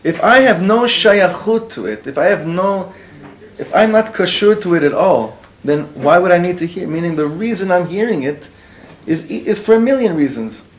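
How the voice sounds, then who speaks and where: A rabbi with a high, animated voice speaks at normal speed while teaching an in-person class, weaving in Hebrew and Yiddish words and putting questions to the room. The class is recorded for web students.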